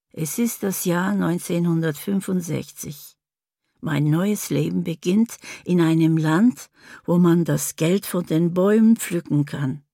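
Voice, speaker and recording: A woman narrates a literary first-person tale in a measured, poetic way, now and then sinking into a whisper. Her voice sits a little low and has a creaky, husky grain. The recording is close and dry. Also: a little mellow, no echo. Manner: slow, poetic, dropping at times into a whisper.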